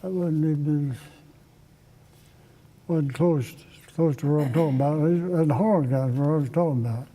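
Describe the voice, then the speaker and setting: An elderly man with an Appalachian accent recalls old times in casual conversation. His voice is soft-edged and a little high for a man. He talks in a folksy, halting way, circling back over phrases, in an echoey room. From Kentucky, United States. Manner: folksy, halting, repeats phrases while remembering. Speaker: interviewee recalling childhood. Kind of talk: casual oral-history reminiscence.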